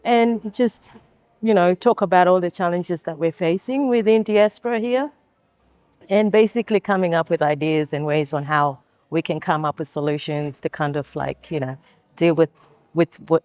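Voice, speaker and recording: A woman's voice: sits low, fairly even intonation, moderate pace, a little mellow, dry recording. A young woman answering interview questions earnestly, with many fillers. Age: young adult. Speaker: conference attendee.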